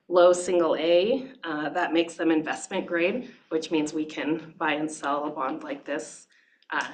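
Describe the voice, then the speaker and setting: A woman with a low voice walks a board through a brisk, matter-of-fact presentation. She explains point by point and drops in light laughs, over a faint hiss. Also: low-quality recording. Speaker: investment presenter at a board meeting.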